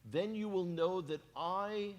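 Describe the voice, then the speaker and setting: Taking it slowly in a high voice, a man from New York with a Bronx accent speaks as a guest at a church hall. The former tour guide uses a handheld microphone for his sermon-style talk, animated and joking with the congregation as he goes.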